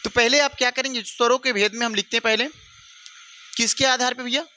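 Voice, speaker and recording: A young man teaching an exam-prep Hindi lesson, repeating phrases slowly for students to write down and calling them brother. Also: very high voice, fairly even intonation, sharp tone, a little hiss or hum.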